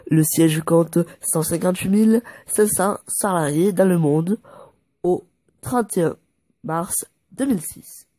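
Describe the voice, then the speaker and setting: A man's voice: high-pitched, slow pace, warm tone, no echo. A man presenting a casual fact video, making joking asides and stumbling over numbers before correcting himself. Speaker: YouTuber presenting facts.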